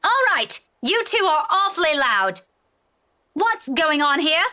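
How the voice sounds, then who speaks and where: An actress playing a composed woman who gently takes others to task, in visual novel style. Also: sits high, big pitch swings, slow pace, full character voice. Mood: reproving.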